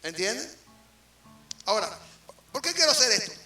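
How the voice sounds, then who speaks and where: A man with a Venezuelan accent preaching a sermon as an apostle, swinging between loud emphasis and quiet asides and firing questions at the congregation. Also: high-pitched, very animated, normal speed, distant mic. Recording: roomy hall from off the mic, faint music.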